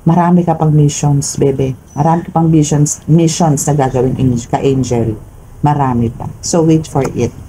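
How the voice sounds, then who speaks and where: A Filipino woman doing a tarot reading for her viewers, with a low, dark and mellow voice. She talks emphatically and keeps checking in with her listeners. A faint hiss of noise sits under her voice. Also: fairly even intonation, moderate pace, low-quality recording. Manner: emphatic, keeps asking "no?" and "okay?". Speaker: tarot reader.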